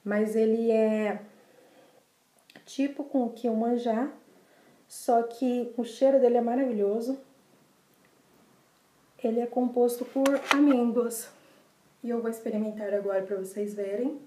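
This young adult video blogger has a Brazilian accent and chats casually to camera about desserts, repeating words for emphasis. Her voice is on the high side, steady and mellow, a little slow, with long pauses. The recording echoes, as she's in a small, bare room indoors.

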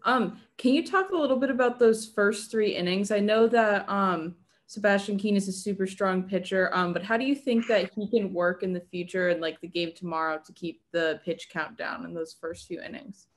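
A woman's voice: medium pitch, moderate pace, few pauses. A young woman, a student reporter, asking a coach questions hesitantly with fillers. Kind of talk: press conference question.

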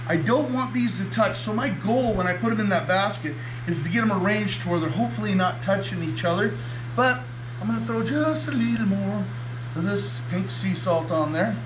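A man in his forties hosts a cooking show from a home kitchen studio indoors, speaking in a high-pitched voice over a noisy background. He chats enthusiastically to viewers as he cooks in a casual demonstration.

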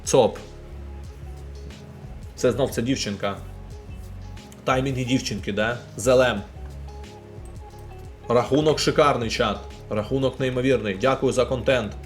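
A man's voice: medium pitch, measured pace, long pauses, soft background music. A young man from Ukraine casually commenting live while opening game packs and talking to his chat. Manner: chatty, animated, talks to chat.

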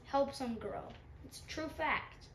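A woman's voice: high-pitched, a little slow. A woman with a stuffy nose giving rambling, self-mocking commentary while playing a game. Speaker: gaming channel host. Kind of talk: let's-play commentary. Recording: roomy, distant mic, faint background hum.

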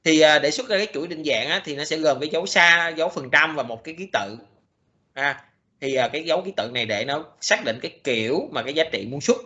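A man giving a recorded programming lecture, speaking haltingly with many fillers and restarts. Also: on the high side, expressive, sharp tone, muffled recording.

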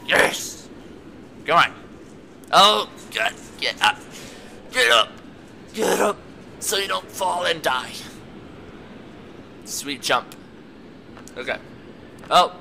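Young male gamer, slow but animated delivery, very bright tone, coaxes the characters on screen. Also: on the high side, a little hiss or hum. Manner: excitable, talks to the game characters, laughs a lot. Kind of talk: let's play commentary.

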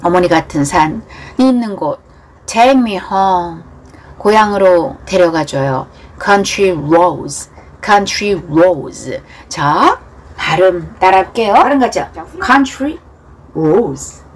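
A woman teaching English through a pop song, repeating lyrics slowly line by line and then explaining them in quick bursts. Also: lowish voice, animated, a little hiss or hum.

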